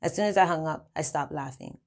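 Low, creaky-voiced woman narrator. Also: a little fast. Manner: casual, slangy storytelling. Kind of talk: first-person story reading.

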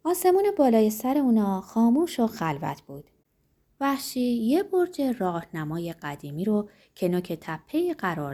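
A woman narrating an audiobook chapter with expressive storytelling. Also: mid-range voice.

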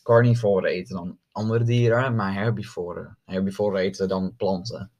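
A young man chatting casually as a podcast co-host, halting with many fillers and restarts. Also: sits low, fairly even intonation, darkish tone. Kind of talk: casual chat.

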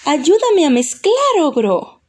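A woman's voice: sits high, big pitch swings, slow, darkish tone, voice pushed up, full character voice. A woman voicing a kind, beautiful female fairy who speaks sweetly and encouragingly in a children's audio story. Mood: cheerful.

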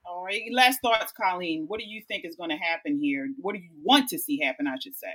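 A woman's voice: fairly low pitch, brisk, sharp tone, low-quality recording. A woman hosting a panel debate, direct and pressing guests with repeated questions. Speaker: host, debate moderator. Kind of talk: moderating a panel discussion.

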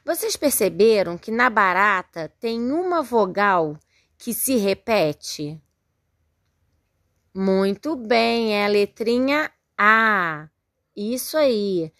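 Slow, patient Brazilian woman teacher. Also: medium pitch, lively intonation, fairly bright tone, no room sound, clean studio sound. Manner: patient, spells words out syllable by syllable, frequent praise. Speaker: primary school teacher. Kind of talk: recorded remote lesson for young children.

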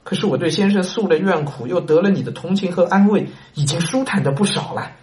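A man's voice: sits high, expressive, fairly quick, a little mellow. A man voicing a downtrodden male servant who keeps pleading and complaining about his lot. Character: downtrodden male servant, whiny and self-pitying.

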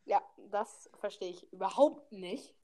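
A woman's voice: medium pitch, animated, a little slow, dark tone. A teenage girl in a casual chat game, teasing and a bit bossy.

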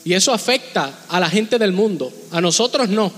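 A man's voice: high voice, expressive, moderate pace. A man preaching a fervent sermon as pastor, urging his congregation. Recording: long hall reverb with music behind.

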